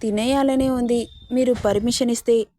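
A woman's voice: fairly high pitch, fairly even intonation, normal speed, dark tone, dry recording, lightly acted. A woman voicing a bold, cheeky young woman who teases and fakes tearful pleading. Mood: teasing. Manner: teasing and sassy, mock-tearful pleading.

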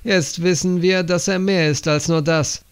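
A man voicing a calm, probing older male leader who questions his agents in an audiobook. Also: high-pitched, measured pace, clean tone.

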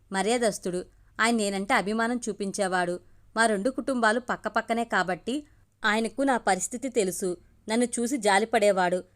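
A woman voicing a gentle middle-aged aunt who confides a painful past in a soft, heavy-hearted way. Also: mid-range voice, close to an everyday voice.

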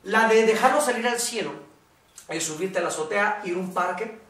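A woman's voice: mid-range voice, brisk, fairly bright tone. A woman with a Mexican accent teaching a casual workshop lesson, blunt and swearing freely, often checking in with "¿ok?". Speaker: workshop facilitator. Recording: echoey room from far off.

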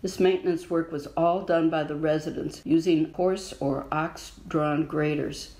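Lady historian w a low voice reading her talk, steady and measured. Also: poor audio. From United States. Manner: measured, informative, reading from a prepared text. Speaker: local historian and author giving a talk. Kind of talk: read-aloud slideshow history presentation.

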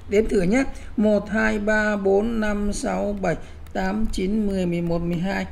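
A woman's voice: medium pitch, level tone, moderate pace, creaky, darkish tone, a little hiss or hum. Emphatic woman lecturing teachers. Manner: emphatic, repeats words, frequent "nhé" asides.

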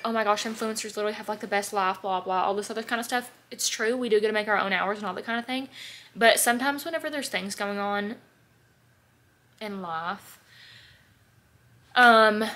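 A young woman chatting straight to her camera in her bedroom, loose and rambling, full of "like" and "um". She sounds relaxed and conversational, as if filming herself on a phone or desk camera. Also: fairly high pitch. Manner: chatty, rambling, heavy use of "like" and "um". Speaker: beauty vlogger. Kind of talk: casual vlog chat. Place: bedroom with vanity mirror, indoors. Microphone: camera on a desk or handheld at arm's length.

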